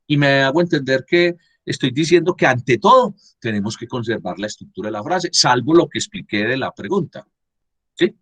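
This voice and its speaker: A man's voice: medium pitch, expressive, moderate pace, fairly bright tone. A man teaching a class over a video call, explaining grammar step by step and often checking "¿sí?" with his students. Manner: repeats and asks "¿sí?" to check understanding.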